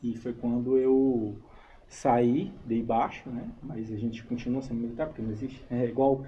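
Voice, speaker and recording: In a radio studio, an army reservist and combatant from São Paulo state chats as an interview guest in a Brazilian accent, often adding small tags to check in. He has a mellow, medium-pitched voice, a level tone and a normal speed, captured on a dull, noisy studio live stream.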